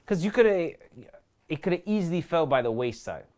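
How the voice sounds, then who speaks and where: A New York City man with a New York accent chats casually in an interview as an actor, his voice fairly high, sing-song, a little mellow and fairly quick. He's slangy and repetitive, acting out quoted remarks as he goes.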